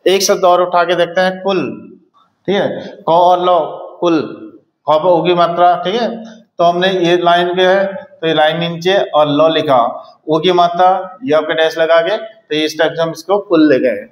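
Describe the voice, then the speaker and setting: A man teaching a shorthand lesson in speech, explaining step by step and often pausing to check understanding. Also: high voice, fairly even intonation, reverberant. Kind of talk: classroom lesson.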